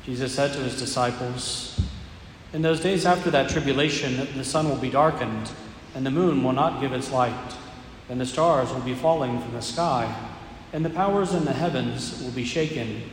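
Man in a cathedral-like church echo. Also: mid-range voice. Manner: measured, unhurried delivery with frequent "uh" fillers. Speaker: priest. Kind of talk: liturgical reading, parish announcements and homily. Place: large church. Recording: echoey church with long reverb, faint room hum.

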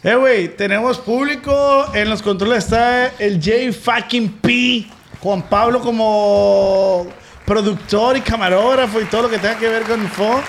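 A man's voice: sits high, unhurried, slight background noise. A man with a northern Mexican, Sinaloan accent hosting a casual chat, using crude slang and joking. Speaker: podcast host.

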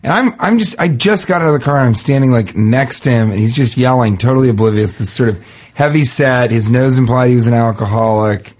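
A man's voice: mid-range voice, brisk, darkish tone. A man telling a story in casual chat, acting out the people he quotes. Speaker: podcast co-host.

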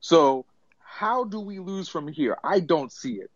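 A man's voice: fairly high pitch, lively intonation, a little slow, no room sound, highs cut off. A man co-hosting a casual sports talk show, talking in a hyped, emphatic way. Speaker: podcast co-host.

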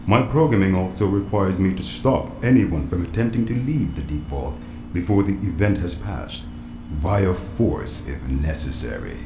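A man playing a formal, measured android computer that runs a doomsday bunker, in an audio drama. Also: low-pitched, expressive. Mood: implacable. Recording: roomy echo, noisy background.

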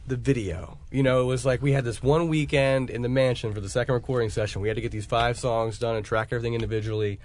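A man, a band member, telling lively stories in a casual interview and laughing often. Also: medium pitch, fast talker, few pauses. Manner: animated storyteller, laughs often. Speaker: musician guest.

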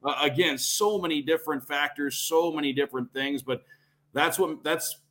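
This sports broadcaster, a radio play-by-play man guesting on a podcast, has a slightly high, fairly bright voice and talks at normal speed. He works through game analysis step by step, hammering his points home with emphatic repetition.

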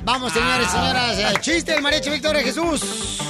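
High-pitched guy hosting a radio comedy bit, slow talker, loud music behind. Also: animated. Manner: teasing, laughs often, joke-quiz delivery. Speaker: radio show host. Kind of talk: comedic morning radio banter.

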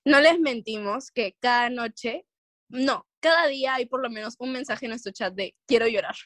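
A woman's voice: on the high side, normal speed, a bit bright, dry recording, clean studio sound. A woman guesting on her cousin's podcast, chatting casually and playfully. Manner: giggly, playful.

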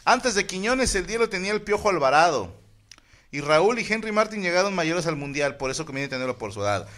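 A man's voice: high voice, big pitch swings, fairly quick. A man with a Mexican accent hosting a casual podcast, reading listener messages aloud with crude jokes. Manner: crude joking, reads shout-outs aloud. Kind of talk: casual group banter.

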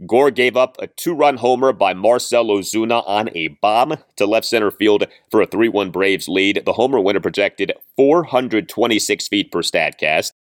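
A man hosting a sports podcast, delivering a recap monologue with emphatic, deliberate phrasing into a close microphone. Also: lowish voice, no echo.

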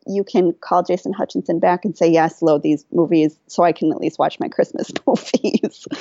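Woman telling a story, mellow and dull. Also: medium pitch, dry recording. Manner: animated, laughs often, quotes herself and others. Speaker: podcast guest. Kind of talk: casual storytelling.

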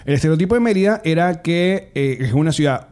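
Venezuelan male comic co-host, slightly high voice, loose rambling banter. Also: lively intonation, a little mellow. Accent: Venezuelan Spanish. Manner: rambling, halting restarts, laughs often. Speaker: podcast co-host and stand-up comedian. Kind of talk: casual comedic chat.

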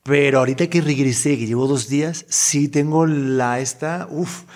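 A man's voice: a little high, normal speed, darkish tone. A man from Spain with a Spanish accent, an actor guest in a casual podcast chat, rambling, swearing freely and mocking himself. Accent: Spanish from Spain, mixed with Mexican slang.

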